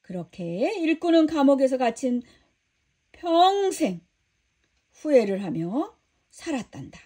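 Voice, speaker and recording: A woman voicing a gentle patient teacher. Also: high voice, unhurried. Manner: calm, kindly storytelling to a disciple.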